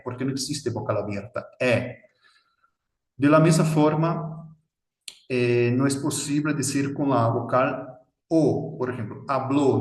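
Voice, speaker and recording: A Brazilian man with a Portuguese accent, teaching a language lesson in a deliberate way and often adding a questioning tag. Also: medium pitch, a little mellow, roomy sound, rough recording. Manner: deliberate, frequent tag "¿no?", slow spelled-out examples. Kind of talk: instructional explanation.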